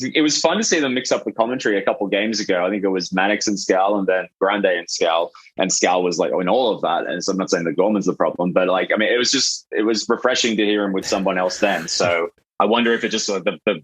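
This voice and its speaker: A man's voice: deep voice, fast talker, few pauses, a bit bright, husky, no echo, poor audio. A man on a casual sports podcast panel, talking hesitantly and restarting his sentences.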